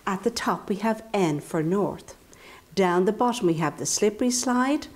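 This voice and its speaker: Female kids' art instructor, mid-pitched, playful and encouraging, guiding young viewers step by step. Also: animated, moderate pace. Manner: playful, encouraging, talks directly to young children. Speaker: children's drawing instructor and host. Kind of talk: step-by-step drawing tutorial for children.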